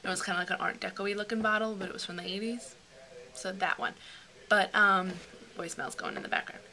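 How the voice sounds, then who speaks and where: A woman's voice: mid-range voice, fairly even intonation, fairly quick, sharp tone. A young woman chatting casually through a beauty product review, rambling with plenty of fillers. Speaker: beauty vlogger.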